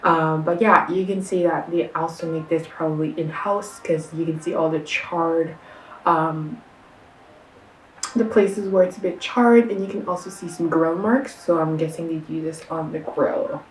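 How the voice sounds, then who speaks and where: Young canadian woman gushing about food, lowish voice, kinda far from the mic in an echoey room. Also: unhurried, a little hiss or hum. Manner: chatty and enthusiastic, with many fillers and slang. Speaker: vlogger. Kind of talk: casual food-tasting vlog. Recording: roomy sound, a bit far from the mic.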